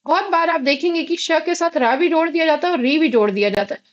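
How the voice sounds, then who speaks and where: High-voiced Indian woman teaching grammar. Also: quick pace, lo-fi sound. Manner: patient, asks and answers her own questions. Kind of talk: explanatory grammar lesson.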